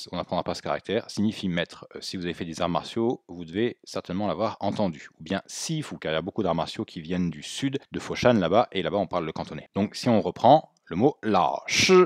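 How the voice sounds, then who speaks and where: A man with a fairly low voice gives a spoken language lesson. He explains patiently and models each sound for learners to repeat. The recording is dry and close. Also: no echo. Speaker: Mandarin teacher.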